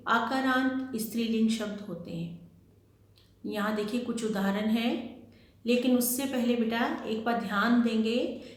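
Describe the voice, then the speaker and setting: A woman teacher giving a patient Sanskrit lesson to children, calling them "beta" and drilling each word slowly. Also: fairly high pitch. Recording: very echoey room.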